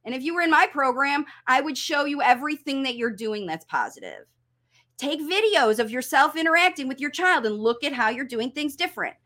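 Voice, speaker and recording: Female parent coach, high bright voice, casual and animated teaching over slides. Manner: animated, acts out confused learners in quoted voices. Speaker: language coaching instructor for parents.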